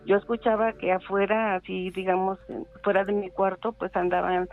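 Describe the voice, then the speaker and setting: Casting: middle-aged woman caller, halting and full of fillers, tinny phone line, faint music behind. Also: medium pitch, level tone. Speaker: caller telling a ghost story. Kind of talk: casual phone storytelling.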